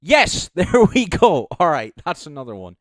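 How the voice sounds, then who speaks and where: A man's voice: on the high side, wildly swooping pitch, normal speed, fairly bright tone, no echo. A young man casually commenting on a live stream, rambling, correcting himself and swearing freely. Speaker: streamer judging beatbox entries.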